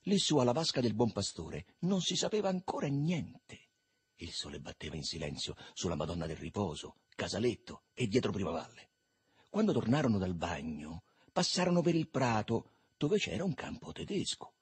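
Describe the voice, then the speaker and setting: A man reading a literary novel aloud in a lively, expressive way. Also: fairly low pitch, moderate pace, breathy edge. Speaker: reader.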